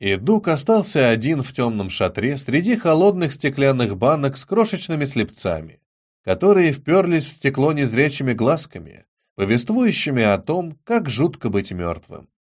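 A man narrating an audiobook in an expressive, measured reading. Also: mid-range voice.

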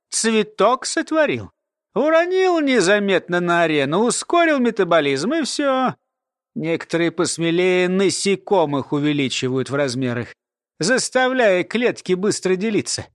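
A man's voice: high voice, no room sound, clean studio sound, pitched above the performer's own voice. A man voicing a sly, grumpy old woman who lectures with sarcasm in an audiobook. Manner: lecturing, sardonic. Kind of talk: audiobook character voice.

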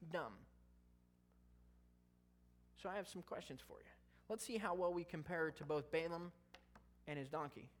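Male pastor, casual sermon, conversational and humorous between scripture readings. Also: high voice. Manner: conversational, jokey asides while reading scripture.

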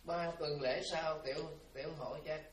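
A man, a Buddhist monk, telling a story in an animated dharma talk and speaking directly to his listeners. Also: on the high side, moderate pace. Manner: animated storytelling, addresses the audience. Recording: roomy, from far off, faint hiss.

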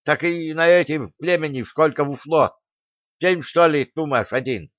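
A man's voice: on the high side, moderate pace, fairly bright tone, no room sound, pitched above the performer's own voice, lightly acted. A man doing a lisping toothless old craftsman. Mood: eager chatter. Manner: folksy rustic speech. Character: toothless old male craftsman, cheerful and eager. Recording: dull dry recording.

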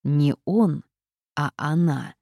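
A woman reading a wary male demon who speaks in low, hushed warnings. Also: animated, takes it slowly, creaky, no room sound, clean studio sound, exaggerated voice. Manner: quiet, hissing warnings.

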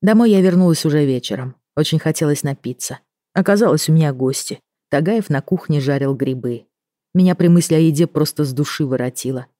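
Mellow female audiobook narrator, low. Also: fairly quick, no room sound, studio quality. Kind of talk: first-person audiobook narration.

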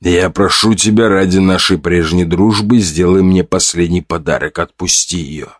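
A man plays a battered, exhausted man in an audiobook, pleading in a low, quiet voice. The recording is dry and close. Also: moderate pace, dry recording. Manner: weary, pleading.

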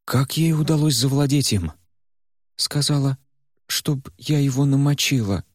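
Man voicing a young woman in an old body, frantic, pleading, high-pitched, dry audiobook read. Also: unhurried, dry recording, natural voice. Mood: stunned. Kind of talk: audiobook character voice.

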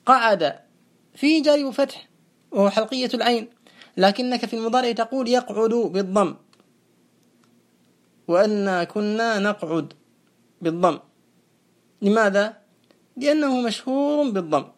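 A teacher giving a classroom lecture on a grammar poem, slowly repeating verb forms, asking questions and answering them. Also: medium pitch, expressive. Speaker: teacher of Arabic morphology.

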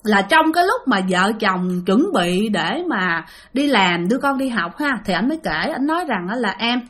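A woman's voice: mid-range voice, sing-song, normal speed, a bit bright. A woman with a Southern Vietnamese accent telling a ghost story chattily, often addressing her listeners.

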